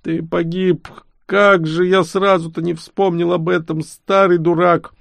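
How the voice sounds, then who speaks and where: A man voicing an anxious, kindly old baron in an audiobook, pitching his voice up with urgent worry. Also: level tone, a little slow, gravelly, fairly bright tone, no echo, full character voice. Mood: despairing.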